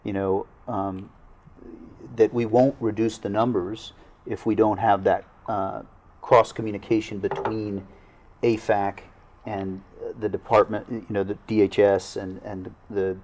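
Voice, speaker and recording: A man, a local government official in a studio panel conversation, speaking earnestly and haltingly with many restarts. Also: lowish voice, level tone, a little mellow, slight background noise. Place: small TV studio.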